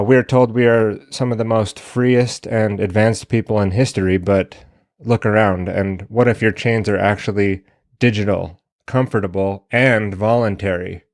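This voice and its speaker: Earnest low-voiced male presenter. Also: no echo, studio quality. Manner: measured, earnest, with pauses. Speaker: conference presenter. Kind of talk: prepared presentation.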